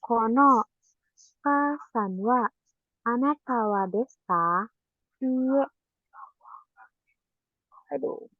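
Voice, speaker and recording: A woman's voice: fairly high pitch, extremely slow, pauses often, no room sound, narrow, tinny audio. A woman student in an online class, reading aloud carefully and stumbling over some words.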